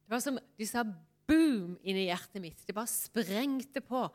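A woman preaching a heartfelt sermon in a church and sharing a personal testimony. She speaks intimately and often drops to a soft near-whisper. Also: on the high side, animated. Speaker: pastor.

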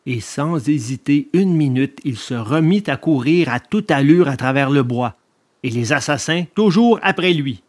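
A storyteller reading a children's tale aloud with expressive, deliberate delivery. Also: mid-range voice. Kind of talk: storybook narration.

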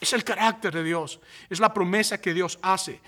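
High, bright-voiced impassioned preacher. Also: male voice, moderate pace. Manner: impassioned, rising to emphatic peaks. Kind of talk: sermon.

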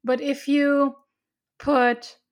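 A woman's voice: sits high, level tone, very slow. A woman chatting casually, earnestly explaining her spiritual beliefs at length with frequent restarts.

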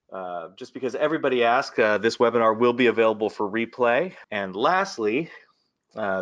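A man hosting an informal webinar, speaking hesitantly with frequent pauses. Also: fairly low pitch, fairly bright tone, no echo, lo-fi sound. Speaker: webinar host.

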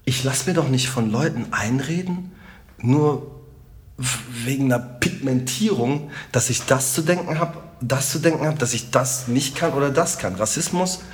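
A middle-aged man with a Rhineland German accent, a comedian chatting as a podcast guest in an animated, joking and emphatic way. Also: medium pitch, normal speed. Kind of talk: casual podcast conversation.

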